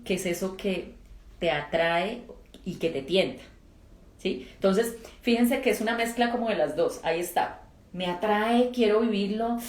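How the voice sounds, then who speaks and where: A woman's voice: fairly low pitch, darkish tone, reverberant. A woman in her thirties leading a workshop talk, telling stories in a chatty way and often checking in with her listeners. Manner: chatty storytelling, often asks "¿sí?". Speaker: personal development facilitator.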